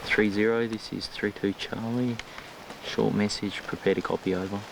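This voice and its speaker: An Australian soldier calls into a field radio handset in clipped, formal radio procedure. His low voice is gravelly and keeps a flat, even line. He is caught from a distance outdoors, with a clear bed of noise around him. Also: moderate pace. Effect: calling into a field radio handset. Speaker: army radio operator. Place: outdoors in mountain terrain.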